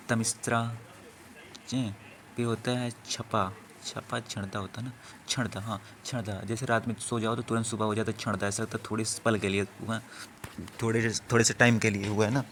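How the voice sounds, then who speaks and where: A man teaching exam vocabulary in an even, steady voice. He repeats each word and keeps asking questions that he answers himself. Faint noise sits under the recording. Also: fairly low pitch. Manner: repeats words, quizzes listeners, answers own questions. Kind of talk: exam-prep Hindi vocabulary lesson.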